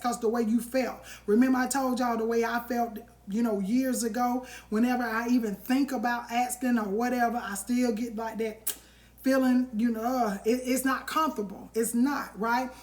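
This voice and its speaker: A woman with a fairly high voice talks straight to her live-stream viewers. She preaches with emphasis and calls them by warm pet names. It is a casual motivational talk that keeps driving its point home. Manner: emphatic and preachy, addressing viewers directly with endearments.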